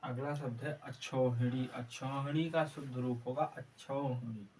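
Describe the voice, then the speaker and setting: Casting note: male teacher running a slow spelling drill, repeating each word, recorded from a distance with faint noise. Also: medium pitch, steady tone, darkish tone. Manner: slow, repeats each word several times while writing. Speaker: Hindi teacher. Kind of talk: exam prep lesson, word-by-word spelling drill.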